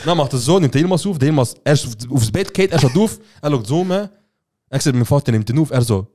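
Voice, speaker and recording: Fast-talking Swiss German storyteller man. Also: mid-range voice, slight background noise. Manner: animated storyteller acting out quoted dialogue. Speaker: podcast co-host. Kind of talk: casual chat.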